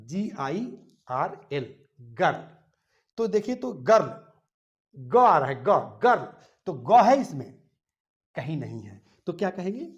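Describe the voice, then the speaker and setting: A man teaching a grammar class, spelling out sounds one by one, gently scolding pupils and checking after each point that they follow. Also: high-pitched. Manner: calls students "beta" and checks "any problem?" after each point. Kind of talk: classroom lesson.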